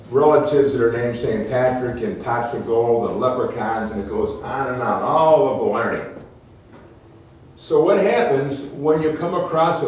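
A man's voice: medium pitch, darkish tone, a little hiss or hum. A man giving a public talk, a folksy, joking storyteller. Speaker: guest speaker. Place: museum lecture room. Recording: echoey room from far off.

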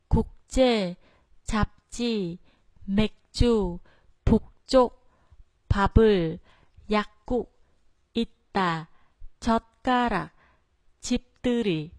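A woman's voice: medium pitch, darkish tone, no echo. Vietnamese woman teaching Korean intonation. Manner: explains patiently, then reads Korean example words slowly. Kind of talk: spoken lesson on Korean intonation.

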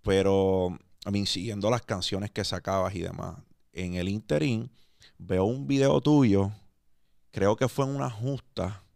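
A man's voice: on the low side, fairly even intonation, a little slow, vocal fry, a little mellow, no room sound, clean studio sound. A man with a Puerto Rican accent hosting a podcast, laid-back and slangy, slipping English words into his Spanish. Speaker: podcast host. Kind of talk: casual interview. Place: podcast studio.

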